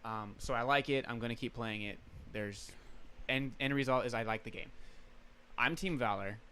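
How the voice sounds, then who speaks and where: A man's voice: medium pitch, moderate pace, sharp tone. A young man co-hosting a casual podcast, telling stories in an easygoing way and laughing often. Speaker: podcast co-host. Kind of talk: casual chat.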